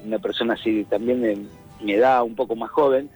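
A man's voice: medium pitch, steady tone, a little fast, a little mellow, breathy edge, low-quality recording. A middle-aged man with a Rioplatense Spanish accent, a radio columnist talking casually, thoughtful and searching for words, now and then humming rhythms. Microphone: phone line. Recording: radio broadcast, faint music.

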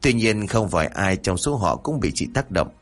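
A man's voice: on the low side, very animated, normal speed. A man voicing a young woman's ghost, once full of hatred and now tender and sorrowful, speaking mournfully to those she loves.

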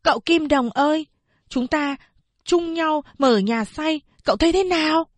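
A woman's voice: high voice, measured pace, no echo, voice pushed up. A woman voicing a curious, secretive young village boy who speaks in eager, pleading questions.

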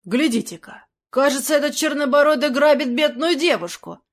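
A woman voicing a tipsy young male reveler who talks loudly and boisterously. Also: medium pitch, normal speed, lightly acted. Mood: rallying.

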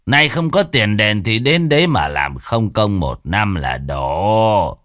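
A man's voice: on the low side, sing-song, fairly bright tone, no echo, studio quality, exaggerated voice. Man doing a sneering, lecherous old landlord. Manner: slow, sneering drawl.

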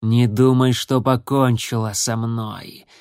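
A man voicing a huge, cold and menacing warrior tomcat in an audiobook, speaking slowly with a hissing contempt. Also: mid-range voice, flat delivery, a little mellow, clean tone, no room sound, clean studio sound.

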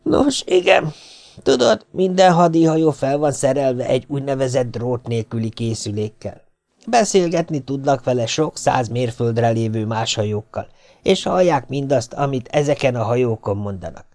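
A man voicing a boastful, scheming Swedish sailor who talks down to others and lies smoothly. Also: medium pitch, lively intonation, darkish tone, dry recording, studio quality, natural voice. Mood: lecturing. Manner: condescending, smoothly lying.

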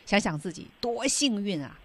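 A woman's voice: mid-range voice, expressive, moderate pace, a crowd in the background. A woman co-hosting a radio English lesson, encouraging listeners to practise and translating the lines.

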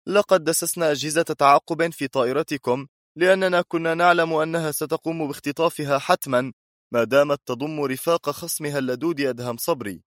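A man's voice: a little high, a bit bright, no room sound, clean studio sound, voice pushed up, lightly acted. A male narrator voicing a stern, cold, commanding intelligence chief who speaks firmly and curtly in an audiobook. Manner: firm, curt, steely. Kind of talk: audiobook character voice.

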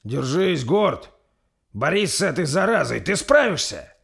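A man voicing a loyal, hot-headed male warrior who talks with loud emotion in an audiobook story. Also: on the high side, sing-song, normal speed, husky, pitched above the performer's own voice. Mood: desperate. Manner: emotional, shouting.

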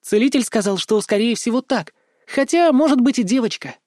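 An audiobook reader voicing an impulsive, excitable young girl who bursts out loudly and dramatically. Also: medium pitch, fairly quick, no echo, studio quality, voice pushed up, lightly acted. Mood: excited. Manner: loud, dramatic, pouting outbursts.

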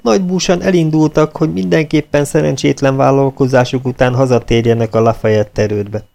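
A male audiobook narrator with a dark, mellow tone and a middling pitch. He reads in a steady, measured way. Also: gravelly.

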